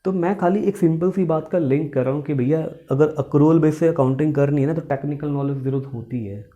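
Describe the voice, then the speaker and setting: On the high side and warm, this man's voice moves fairly quickly, and the recording cuts off the highs. He teaches accountancy lecture-style, questioning students he calls "beta," repeating key points, and mixing English terms into Hindi.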